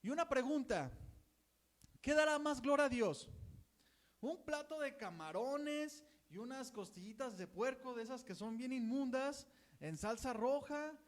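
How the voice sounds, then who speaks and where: High-voiced Mexican preacher, conversational sermon. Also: male voice. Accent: Mexican Spanish. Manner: conversational, acts out gossiping churchgoers.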